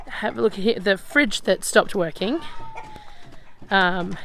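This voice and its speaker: Out by the chicken pens on her rural property, an Australian woman vlogs a casual walk-and-talk around her homestead in a medium-pitched, gravelly, slightly raspy voice. The farm audio is noisy with crowing roosters, clucking hens, and guinea fowl.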